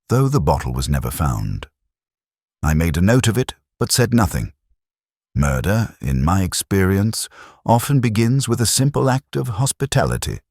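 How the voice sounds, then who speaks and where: Reading a detective mystery in first-person literary narration, a middle-aged man uses a very deep, slightly husky voice. His delivery is measured and brooding with a wide, expressive rise and fall, and the sound is close and dry with no echo.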